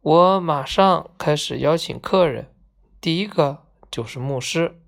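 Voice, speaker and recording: A woman reading a children's storybook aloud, gently voicing each character in turn. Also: sits low, vocal fry. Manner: slow, gentle, acts out each character's lines.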